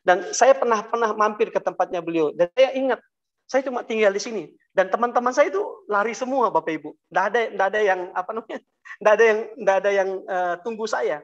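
A man telling his personal testimony to an audience, talking haltingly with many fillers and restarts and often addressing them directly. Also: high voice, muffled recording. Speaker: guest giving a testimony. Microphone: video call.

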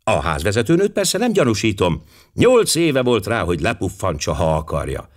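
A man reading an audiobook voices a blunt, hearty male police inspector who speaks with brisk authority. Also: fairly low pitch, huge pitch swings. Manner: hearty, commanding, quick to conclude.

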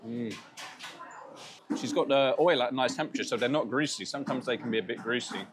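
A man's voice: medium pitch, fast talker, background noise. A man tasting and describing street food in a casual food vlog, chatty and enthusiastic, laughing at himself now and then. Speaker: food vlogger. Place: restaurant and bakery in Thailand.

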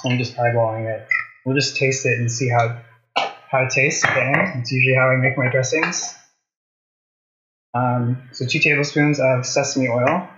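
This cooking show host, a man in his thirties, talks conversationally and quizzes his viewers while preparing food indoors in his home kitchen. He speaks at a moderate pace in a mid-range, somewhat bright voice with fairly even intonation, captured with slightly dull, roomy kitchen acoustics.

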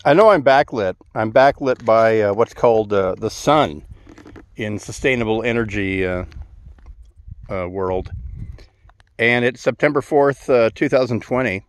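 A man's voice: on the low side, a little slow. A middle-aged man vlogging to a phone held at arm's length outdoors, dry and sarcastic, with many "uh" fillers. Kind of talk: sarcastic to-camera vlog. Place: outdoors at a desert wind farm.

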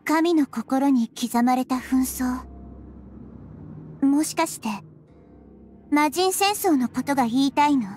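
A woman voicing a small, child-like goddess of wisdom, calm, thoughtful and measured, for an anime-style game. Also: sits high, soft background music. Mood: composed, firm. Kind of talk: Japanese anime game voice acting.

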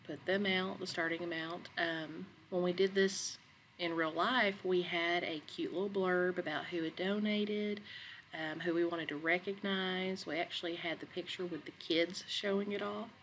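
A woman educator narrating a screen-recorded software tutorial in a relaxed, conversational way with some fillers. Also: lowish voice, moderate pace, slight background noise, rough recording. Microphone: computer microphone, voice-over on screen capture.

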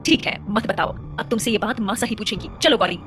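A woman's voice: medium pitch, fairly quick, a bit bright, lightly acted. A woman voicing a stern, angry mother of a royal household, scolding and demanding answers. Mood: cold.

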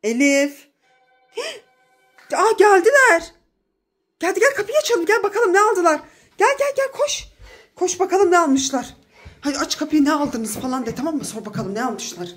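A young woman who is a mother, talking in a casual family vlog in a coaxing, excitable way, with frequent gasps and exclamations. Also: extremely high pitch, moderate pace, pauses often, faint music behind.

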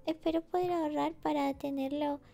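A woman streamer chatting casually with her viewers in a cutesy, giggly, sleepy and soft voice. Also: high-pitched, fairly even intonation, normal speed, gravelly. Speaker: VTuber streamer. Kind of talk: relaxed casual chat with viewers. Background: faint music.

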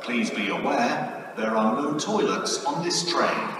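A man's recorded train station announcement over a loudspeaker, calm and formal, heard in a large railway station. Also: medium pitch, slow pace. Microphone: station loudspeaker picked up from far off. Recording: echoey station hall, distant, noisy. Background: station ambience.

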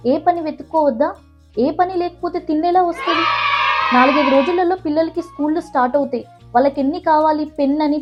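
A woman playing a sassy young daughter-in-law who retorts quickly and lectures in a comedy skit. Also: high voice, natural voice. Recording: dull lo-fi with background music.

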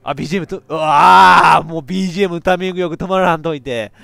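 A man with a giving excitable let's play commentary on a horror game, reacting loudly and laughing often. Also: fairly high pitch, very fast, dry recording, studio quality. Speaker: VTuber game streamer.

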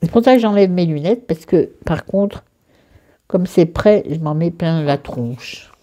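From her bedroom, a beauty vlogger with a low, mellow voice walks through her skincare routine in a casual vlog. Her pitch rises and falls expressively as she talks at an unhurried pace. She's chatty and cheerfully rambling, poking fun at herself and tossing in crude asides.

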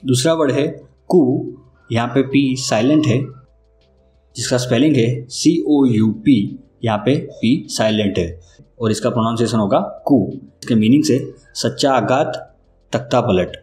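A man giving a scripted vocabulary lesson, speaking slowly and deliberately and spelling words out letter by letter. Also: medium pitch, a little mellow. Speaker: vocabulary teacher. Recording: roomy echo with faint music.

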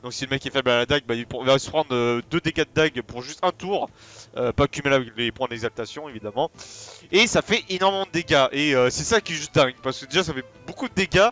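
A man giving casual, excitable commentary on a video game, rambling with slang and many fillers. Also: medium pitch, fast. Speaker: let's play host.

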